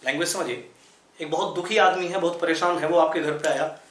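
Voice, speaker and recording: Male tutor, high voice, drills and repeats words, rhetorical questions; roomy sound. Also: fairly even intonation, fairly quick, a bit bright, slight background noise. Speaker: English vocabulary teacher. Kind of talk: explanatory classroom lesson.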